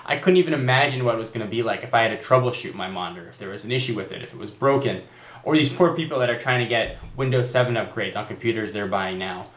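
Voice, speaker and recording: A man's voice: fairly low pitch, fast, a bit bright. Exasperated man ranting in echoey room. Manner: exasperated storytelling, quoting agents in raised voice. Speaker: tech vlogger. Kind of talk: direct-to-camera rant.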